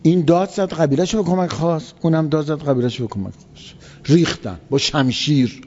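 Repeating words to drive his points home, a man with a higher, darkish voice recounts an old tale casually in a religious storytelling lecture. The lo-fi recording sounds dull, with long hall reverb and a little hiss or hum.

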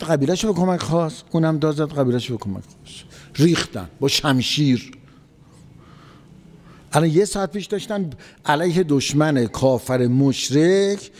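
A man's voice: fairly high pitch, darkish tone. Preacher man in a reverberant hall. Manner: conversational, repeats phrases for emphasis. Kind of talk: sermon storytelling.

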